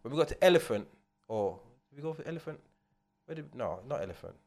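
A man's voice: medium pitch, animated, fast, darkish tone. London roadman telling it emphatically. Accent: London, urban street. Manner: emphatic street slang, roadman talk. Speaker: podcast co-host. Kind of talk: casual anecdotal chat.

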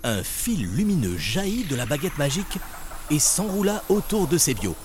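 A man's voice: a little high, big pitch swings, normal speed, noisy background. A man narrating a children's adventure story expressively. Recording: story narration over loud music.

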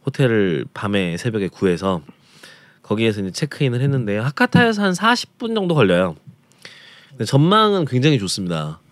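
A man's voice: mid-range voice, very animated, brisk, no room sound. A man presenting a food travel segment on a talk radio show, describing restaurants and dishes in detail in a casual chatty way.

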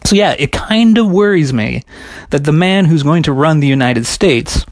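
A man delivering a scripted comedic science explainer with sarcastic, deadpan asides. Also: a little high, moderate pace, dry recording.

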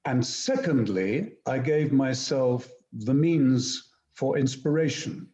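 A man being interviewed, telling anecdotes in a deliberate, articulate and emphatic conversational way. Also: mid-range voice, expressive, warm tone. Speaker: interview guest, poet and screenwriter. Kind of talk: reflective conversational storytelling. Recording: slightly dull, roomy sound.

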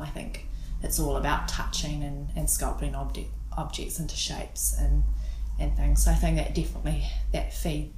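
A woman with a New Zealand accent, talking casually in an interview, relaxed and hesitant with many ums and restarts. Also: sits low, echoey room, slight background noise, low-quality recording. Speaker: guest photographer.

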